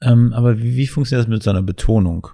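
A man co-hosting a podcast, chiming in with brisk, chatty questions. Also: medium pitch, creaky, mellow. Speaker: podcast co-host. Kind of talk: casual interview questions.

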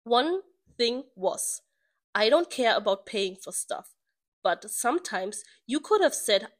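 A young woman co-hosting a podcast, telling a story in a lively, animated way, reading text messages aloud and swearing freely. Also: medium pitch, a little slow. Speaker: podcast co-host. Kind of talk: casual chat.

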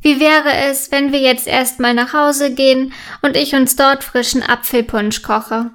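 A woman voicing a kind, calm father in a children's story, speaking in a gentle, reassuring way. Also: high-pitched, a little slow, clean tone.

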